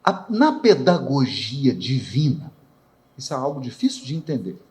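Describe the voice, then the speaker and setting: A man's voice: mid-range voice, big pitch swings, moderate pace, darkish tone. A man from Brazil, giving a spiritist lecture in a rhetorical way, asking questions and acting out quoted voices. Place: lecture hall of a spiritist center.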